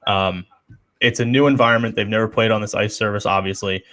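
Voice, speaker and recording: A man's voice: on the low side, fairly even intonation, fairly quick, a bit bright. A young man co-hosting a casual sports chat show, rambling and opinionated with lots of fillers. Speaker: podcast co-host.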